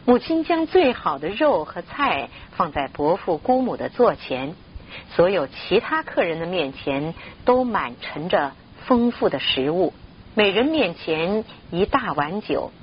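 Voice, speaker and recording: A woman reads a story aloud in a lowish voice that rises and falls expressively. Her delivery stays steady and clear in pacing. The recording sounds somewhat muffled, with a faint hiss underneath. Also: measured pace. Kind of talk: storybook narration.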